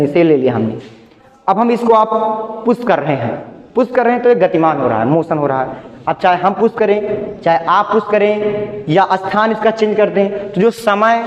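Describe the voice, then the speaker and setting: Guy teaching a science class, kinda high voice, keeps asking and answering himself, echoey muffled room. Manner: repetitive, asks questions and answers them himself. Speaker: chemistry teacher. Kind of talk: classroom lecture.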